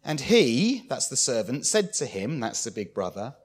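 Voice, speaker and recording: A man preaching a sermon, expressive and acting out the lines he quotes. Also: medium pitch, moderate pace, breathy edge.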